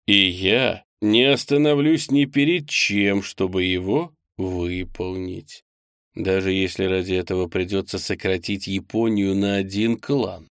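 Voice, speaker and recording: A man voicing a confident male boss in an audiobook, giving brisk, assured orders. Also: low-pitched, steady tone, dry recording, studio quality. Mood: commanding. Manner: assured, directive. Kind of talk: audiobook character voice.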